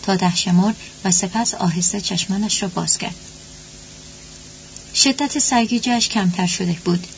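A woman narrating a story at a steady, even pace. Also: mid-range voice, gravelly. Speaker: audiobook narrator. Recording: dull lo-fi with faint hum.

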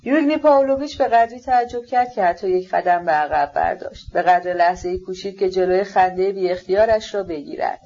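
A woman narrating an audiobook in a steady, measured reading voice. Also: fairly low pitch. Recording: dull lo-fi audiobook recording.

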